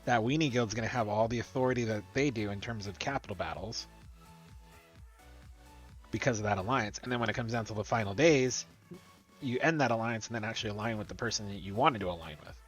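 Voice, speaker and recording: A man's voice: on the low side, fast, soft background music. A man hosting a gaming stream, reading game rules aloud and debating them in casual chat. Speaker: streamer host.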